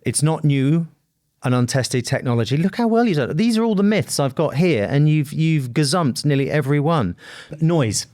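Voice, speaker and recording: Joking podcast host, dry sound. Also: male voice, on the high side, expressive, moderate pace, a little mellow, no room sound. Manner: jokey, playful, teasing. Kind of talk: casual interview chat.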